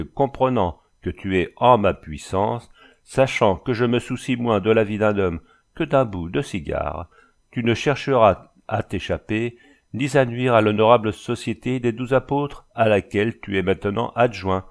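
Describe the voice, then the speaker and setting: A storybook reader with a lowish, animated voice takes a measured pace as he plays a tall, icy bandit chief with a Flemish accent. The chief sounds smiling, sing-song, and commanding, with a cool menace.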